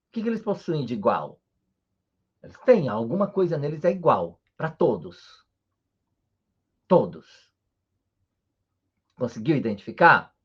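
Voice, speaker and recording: Lively-pitched male teacher explaining patiently. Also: slightly rough, highs cut off. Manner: patient explaining, frequent "né?" and "tá?" check-ins; spells out syllables in sing-song rows. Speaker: Japanese teacher. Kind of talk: live-streamed language lesson.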